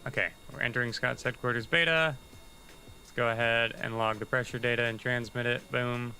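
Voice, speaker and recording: A man's voice: mid-range voice, fairly even intonation, fairly quick, pushed and bright, faint music behind, rough recording. A man giving casual, chatty commentary while livestreaming a game, thinking aloud and muttering asides to himself. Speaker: livestreaming gamer.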